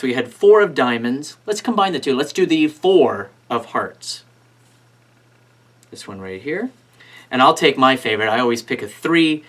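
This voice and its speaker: A male magician with a mid-pitched, slightly bright voice talks volunteers through a card trick. His patter is casual and instructional, moving step by step.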